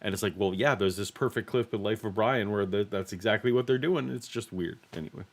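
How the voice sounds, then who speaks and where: Male host, relaxed storyteller, lower pitch. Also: a little fast. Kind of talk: casual chat.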